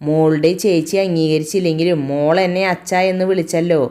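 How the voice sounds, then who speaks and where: A woman voicing a loving middle-aged father who speaks in a soft, reassuring way. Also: sits low, fairly even intonation, fairly quick, close to an everyday voice. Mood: tender.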